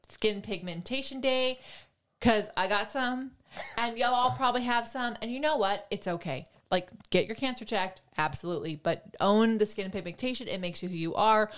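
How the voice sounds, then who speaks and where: A woman podcast co-host talks casually and playfully. She drifts into chatty asides and pokes fun at herself, in a voice of middling pitch. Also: brisk, fairly bright tone.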